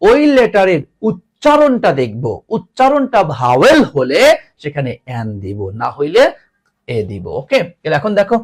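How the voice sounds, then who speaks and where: A man teaching an English grammar lesson to students, mixing English and Bengali with a Bangladeshi Bengali accent and teasing the class. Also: high-pitched.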